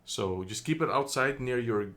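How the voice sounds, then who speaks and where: An animated Dutch man with a medium-pitched, fairly bright voice talks at normal speed in a casual product review. He's chatty and hesitant, using many ums and correcting himself. It's recorded indoors on a phone camera.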